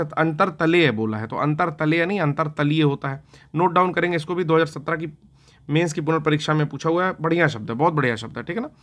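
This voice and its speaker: A man teaches an exam-prep spelling lesson. He talks in an easy, conversational way, keeps checking in with his students and mutters to himself as he writes. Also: fairly high pitch. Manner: conversational, repeats "theek hai na" often; talks to himself while writing on a board.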